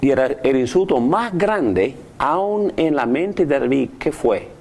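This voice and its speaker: A man's voice: medium pitch, slow pace, slight background noise. A man teaching a Bible class on prayer, asking his students questions as he goes. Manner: animated, asks the class questions.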